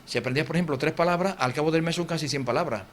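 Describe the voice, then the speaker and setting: Fast-talking Andalusian man, TV guest. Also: a little high, a little hiss or hum. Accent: Andalusian Spanish. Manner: fast, animated, acts out quotes and sounds. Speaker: author, interview guest. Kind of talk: TV interview, casual explanation. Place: local TV studio.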